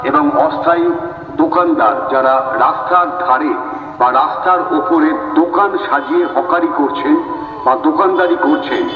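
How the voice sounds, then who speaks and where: Male street announcer on a loudspeaker megaphone, formal and declaiming, slightly high voice, long hall-like echo from a distance. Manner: formal, slow, declaiming every phrase. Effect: through a loudspeaker megaphone. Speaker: municipal announcer. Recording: muffled echoey loudspeaker from far off.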